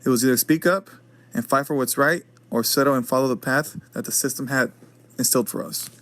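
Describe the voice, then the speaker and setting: A man's voice: mid-range voice, a little fast, fairly bright tone, no echo. Young man reading in a dry room. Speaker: student presenter. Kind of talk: reading a prepared presentation.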